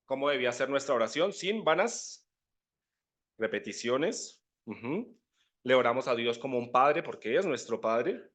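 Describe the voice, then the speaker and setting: A man's voice: mid-range voice, a bit bright. Man teaching the Bible. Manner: conversational, often asks "¿cierto?". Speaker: preacher.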